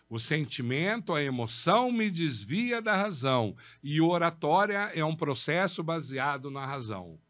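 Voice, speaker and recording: A man's voice: medium pitch, fairly bright tone, no room sound. A man hosting a podcast, giving an instructive talk on public speaking, emphatic and repetitive, asking questions and answering them himself. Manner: emphatic, repeats key words, asks and answers his own questions. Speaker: podcast host.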